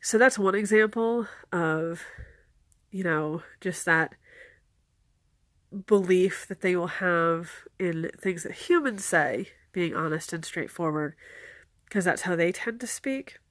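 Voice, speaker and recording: In a dry recording, a woman with a lowish voice speaks slowly, stuffed up from a cold. She calmly explains folklore and gives practical advice, keeping things casual and earnest.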